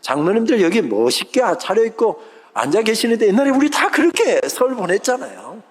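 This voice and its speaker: Man in his sixties, sermon, storytelling, slightly high pitch, long church reverb. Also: big pitch swings, fairly quick, husky. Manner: storytelling with dramatic voiced quotes. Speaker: pastor and seminary president. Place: large church sanctuary.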